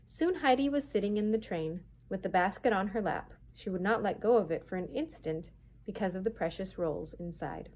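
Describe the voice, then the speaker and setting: A children's librarian reading a chapter book aloud in a clear, expressive storytelling manner. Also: female voice, medium pitch, normal speed.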